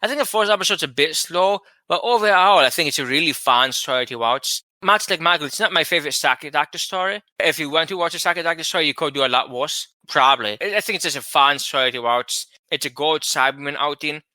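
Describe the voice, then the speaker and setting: Bright-voiced, chatty man. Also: on the high side, fast talker, hardly any pauses, dry recording. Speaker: podcast co-host. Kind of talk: casual chat.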